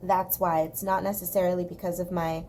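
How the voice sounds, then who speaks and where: Slightly gravelly Southern California woman. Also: on the low side, level tone, a little fast, dark tone. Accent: Southern Californian, slight Valley girl. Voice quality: slightly gravelly, with occasional vocal fry. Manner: informal, emphatic, repeats herself for emphasis. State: dry throat. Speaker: coloring tutorial host. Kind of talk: casual, chatty craft commentary. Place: indoors at a craft desk. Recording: clear background noise.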